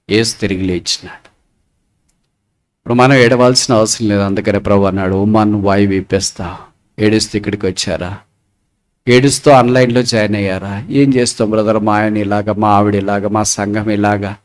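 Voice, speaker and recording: A man preaching a sermon with a Telugu accent. He asks the crowd questions and swings between loud, emphatic lines and hushed ones. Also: high-pitched, clear, resonant tone.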